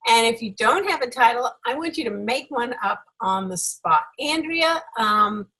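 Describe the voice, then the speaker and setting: A woman's voice: a little high, lively intonation, moderate pace, bright, forceful tone, slightly rough, poor audio. A woman working as a public speaking coach, giving effusive, emphatic, encouraging feedback to a group on a video call.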